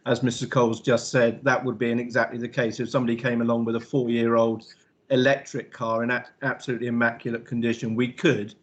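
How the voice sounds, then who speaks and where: A man speaking as a councillor in a committee debate on a video call, steady and matter-of-fact. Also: medium pitch, fast, lo-fi sound.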